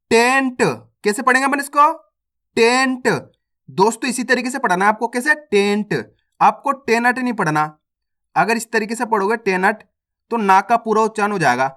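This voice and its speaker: A man's voice: very high-pitched, a bit bright. A man teaching reading, patiently drilling words one by one, saying each aloud, asking how it is read, and showing the wrong way to say it. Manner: addresses viewers as friends, casual classroom tone. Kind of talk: online reading lesson, word drills.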